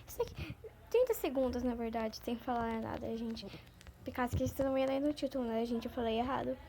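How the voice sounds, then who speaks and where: A talkative woman chats her way through a game, rambling and easily excited. Her voice sits high and mellow, with a faint hiss of background noise. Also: fairly quick. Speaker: gaming channel host. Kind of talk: gameplay commentary.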